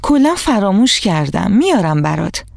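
A high young schoolgirl voice from a woman storyteller, careless, quick with excuses, dry close sound, storybook radio. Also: sing-song, darkish tone, dry recording. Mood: breezy. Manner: defensive, quick to make excuses.

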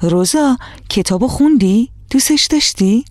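A woman's voice: fairly high pitch, animated, dry recording, clean studio sound, pitched above the performer's own voice, close to an everyday voice. A woman voicing an insistent, reproachful young schoolgirl who wants her book back. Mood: asking.

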